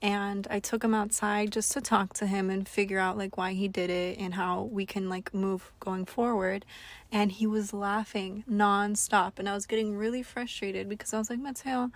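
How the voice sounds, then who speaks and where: A young woman co-hosting a podcast, chatting casually in an animated, gushing way. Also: mid-range voice, normal speed. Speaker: podcast co-host.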